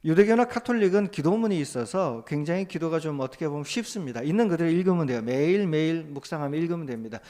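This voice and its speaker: A male pastor preaching a sermon, moving from calm teaching into loud, impassioned spoken prayers. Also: a little high, fast, hardly any pauses. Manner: rises to loud impassioned voiced prayers, then drops back to calm teaching.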